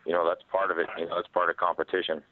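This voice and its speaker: Deep, flat-toned man over the telephone. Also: very fast, no echo. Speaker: fighter answering media questions. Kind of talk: casual interview answers on a conference call. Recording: narrow dry telephone line.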